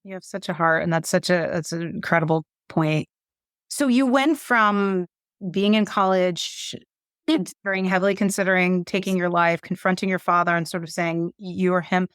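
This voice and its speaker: A woman's voice: fairly low pitch, fairly even intonation, moderate pace, fairly bright tone, clear, resonant tone, no echo, clean studio sound. A woman podcast host in casual conversation, affirming and enthusiastic toward her guest.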